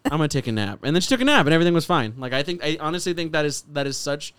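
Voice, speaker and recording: A young adult man chatting casually as a podcast co-host, a talkative, animated storyteller who swears freely. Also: fairly high pitch, racing, background noise. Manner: animated storyteller, profane, talkative, acts out quotes.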